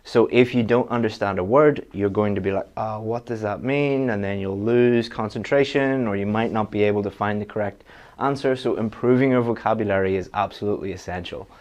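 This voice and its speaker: A man's voice: lowish voice, fairly quick, a little mellow. A man teaching an online exam-prep lesson, giving direct, practical advice straight to his students. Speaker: IELTS teacher.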